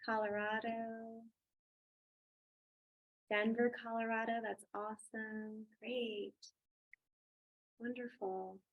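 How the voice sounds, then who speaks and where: A woman's voice: a little high, level tone, takes it slowly, pauses often, narrow, tinny audio. A woman from Germany presenting informally and upbeat as a yoga teacher and webinar host. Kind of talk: casual presenting and personal storytelling.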